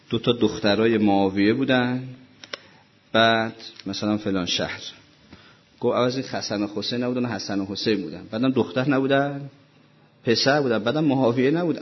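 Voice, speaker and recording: A man's voice: medium pitch, husky, muffled recording. A man preaching a sermon as a religious lecturer, pressing his listeners with rhetorical questions in a row.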